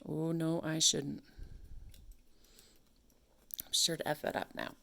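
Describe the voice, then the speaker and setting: In a low, creaky, flat voice, a married adult woman talks slowly to herself while operating a sock machine at home for her vlog. The machine clicks amid background noise, and every so often she throws in a playful sound effect.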